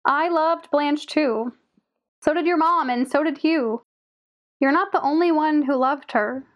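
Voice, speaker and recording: A woman playing Annie, a steady and supportive young friend with plain, direct speech, in an audio drama. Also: high-pitched, measured pace, muffled recording. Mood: consoling.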